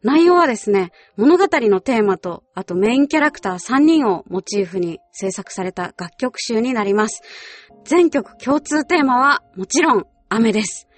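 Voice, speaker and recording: A woman who is a radio host and voice actress speaks politely in a scripted style, dropping in chatty, casual asides. Her voice is a little high with lively intonation and a moderate pace, and music plays behind her.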